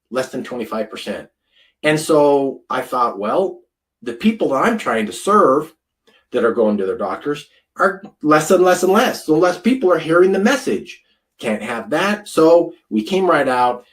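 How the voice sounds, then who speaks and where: A man in his fifties, a food scientist giving an informal wellness presentation, rambling and chatty with many fillers, close to the camera mic. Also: medium pitch. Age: 50s.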